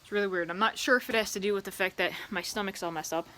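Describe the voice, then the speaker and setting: A woman chatting casually to camera in a rambling, easily distracted way, outdoors beside a loud street. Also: mid-range voice, fairly even intonation, rapid-fire. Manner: easily distracted, drifting between asides. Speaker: vlogger. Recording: outdoor traffic and ambient noise. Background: passing vehicles and outdoor ambience.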